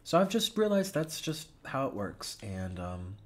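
A man's voice: mid-range voice, very animated, measured pace. A man, a mukbang YouTuber, chatting casually while eating, laughing often and trailing off with fillers.

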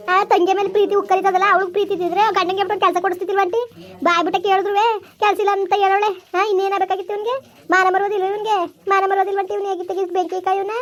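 A tearful, aggrieved young village wife, played by a woman in a comedy skit. Her high voice stays flat in pitch as she pours out complaints at great speed.

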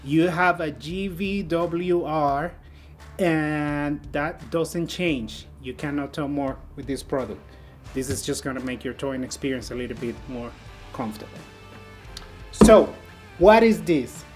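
A man's voice: on the high side, measured pace, faint music behind. A man giving a casual, joking product review for his RV channel, talking informally with fillers.

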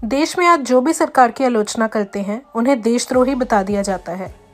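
A woman reading a scripted news voice-over in Hindi, measured and critical. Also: fairly high pitch, faint music behind. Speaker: news narrator.

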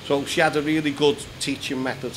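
A British man in his fifties from England chats as an interview guest, casually telling stories and explaining things while repeating himself a little. His voice is a little high and a little fast, with little pitch movement. He's in a small decorated indoor room, and the recording is noisy with a background hum.

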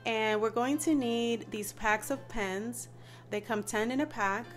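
A woman's voice: on the high side, measured pace, soft background music. Nasal-voiced woman hosting a craft tutorial. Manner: chatty, often says "you guys". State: nasal from allergies. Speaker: DIY channel host. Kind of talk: casual step-by-step craft tutorial.

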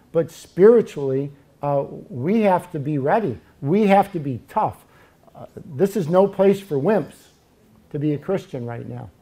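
Emphatic male preacher, slightly high voice. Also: a little mellow. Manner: emphatic, asks rhetorical questions. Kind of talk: sermon.

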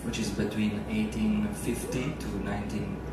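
On a small indoor lounge stage aboard a ship, a pianist in his thirties, a native Italian speaker, chats and jokes with the audience between pieces. His voice is fairly low and level at a moderate pace, caught on a handheld mic and filmed by a distant camera, so the lounge sounds echoey and far away.

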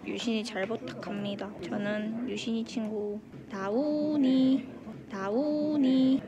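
A teenage girl, a high school cooking club member, chatting playfully to the camera while speaking through a face mask. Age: teens. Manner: playful, addresses viewers directly. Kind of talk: casual chat to camera. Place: school classroom during a club activity.

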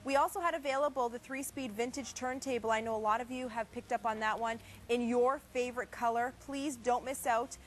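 A woman in her thirties giving a chatty, emphatic home shopping host sales pitch in a television studio. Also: fairly even intonation, fairly quick, hardly any pauses.

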